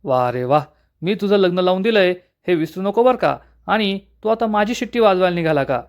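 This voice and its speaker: A man's voice: high-pitched, lively intonation, brisk. A man reading out a playful prankster younger brother from a soap recap, needling his older sibling. The voice stays close to the narrator's own, with only a teasing lilt.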